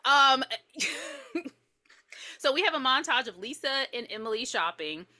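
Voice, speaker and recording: A woman co-hosting a movie podcast, excitable and profane, jumping in over the others. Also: high-pitched, fairly quick. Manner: excited and interrupting, often laughing. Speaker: podcast co-host. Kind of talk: casual chat, profane and joking.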